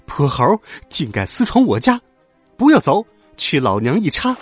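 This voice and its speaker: A man's voice: sing-song, unhurried, over music. A man voicing a fierce female scorpion demon in a children's story. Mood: furious. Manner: coaxing then shrill threats.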